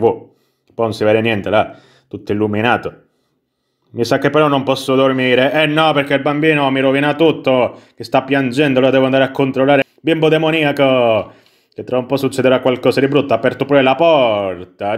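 A young man from Italy commentating a horror game in a jokey, excitable way and reading a bedtime story aloud. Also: mid-range voice. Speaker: gaming YouTuber.

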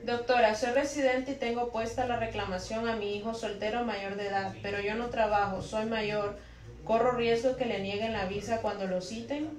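A woman's voice: fairly high pitch, fairly even intonation, moderate pace. Woman reading viewer questions in an echoey room. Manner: plain, matter-of-fact reading of one question after another. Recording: echoey room, voice a bit distant from the mic.

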